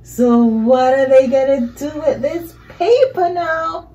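A high-pitched, mellow female voice comes through on a lo-fi recording, unhurried as she reads. The middle-aged woman sits on a couch in a small living room, narrating a children's picture book with improvised lines, exclamations and questions for young listeners.

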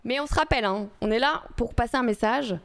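A woman chats casually on a live stream, rambling and full of fillers as she talks to viewers. Her voice sits a little high and comes through smooth and clear. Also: fast talker. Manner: chatty, rambling with many fillers, greets chat viewers.

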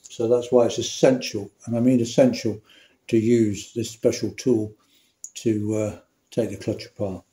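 A man's voice: on the low side, flat delivery, unhurried, mellow, reverberant. A man demonstrating a motorcycle repair in a workshop, chatty and correcting himself as he works. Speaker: motorcycle mechanic. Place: indoor workshop.

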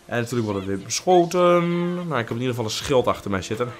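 A man's voice: mid-range voice, animated, fast. A man doing casual let's play commentary, joking crudely and humming silly tunes while he plays.

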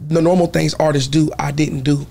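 A young man from Kansas talking candidly as a guest in a podcast studio, with halting restarts. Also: a little high, flat delivery, vocal fry, a little mellow. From Kansas, USA. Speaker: guest artist. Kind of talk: casual interview talk. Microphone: studio mic on boom arm.

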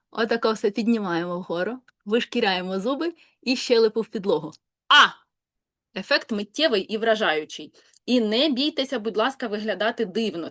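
A woman teaching an online language lesson, lively, ironic and emphatic. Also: mid-range voice. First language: Ukrainian.

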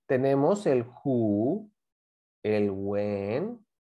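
A man's voice: medium pitch, very animated, drawn-out words, muffled recording. A man teaching a class, patiently explaining grammar and repeating examples while asking students to join in. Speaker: English teacher.

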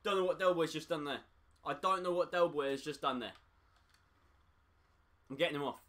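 A young man streaming a football game, reacting to play and chatting to his viewers, easily frustrated. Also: fairly high pitch. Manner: excitable, talks to chat, quick to frustration. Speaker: gaming streamer. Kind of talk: live gameplay commentary.

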